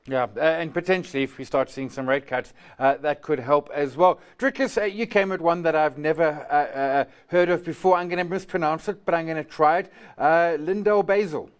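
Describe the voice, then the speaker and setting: A man's voice: on the high side, a little fast, hardly any pauses, smooth. A man hosts a market show. He puts questions to guests and links segments in a conversational broadcast style. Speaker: presenter of a stock market show. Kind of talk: broadcast interviewing.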